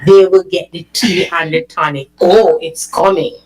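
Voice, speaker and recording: A woman, hosting a casual chat show, slow and animated with frequent laughter. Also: on the low side, low-quality recording. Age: 20s. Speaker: host.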